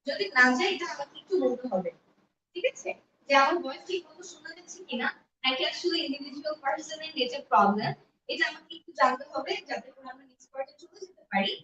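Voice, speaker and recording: A high-voiced woman teaches English on a live stream, mixing with slow, careful English. Her voice sits back from the mic in an echoey room, with faint background noise. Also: lively intonation, fairly bright tone. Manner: switches between Bengali and slow deliberate English. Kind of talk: live-streamed language lesson. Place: room at home. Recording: echoey, distant, dull home mic.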